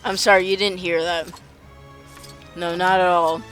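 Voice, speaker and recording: A young man giving casual let's play commentary. He rambles and stumbles over his words and pokes fun at himself, in a bright, forceful voice with faint game music behind him. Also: sits high, little pitch movement, a little slow. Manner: rambling, stammering, self-mocking.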